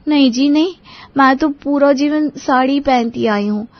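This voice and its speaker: A woman's voice: high voice, measured pace, dry recording, highs cut off. Kangana, a woman voicing a sweet shy bride. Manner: polite, sweet and respectful.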